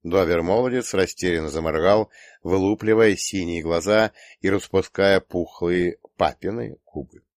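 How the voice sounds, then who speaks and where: A man reading a first-person audiobook with wry, gently ironic narration. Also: deep voice, moderate pace, no echo, clean studio sound.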